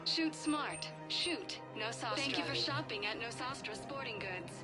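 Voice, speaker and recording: Bright store loudspeaker announcer. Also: female voice, on the high side, expressive, normal speed, loud music behind the voice. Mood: upbeat. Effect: shop loudspeaker announcement. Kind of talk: scripted video game dialogue.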